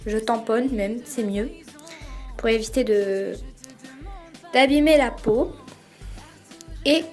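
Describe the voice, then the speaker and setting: Young female vlogger voice-over, slightly high, hesitant, faint music under it. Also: slow pace. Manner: hesitant, many fillers. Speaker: beauty vlogger. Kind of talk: casual voice-over explaining a routine.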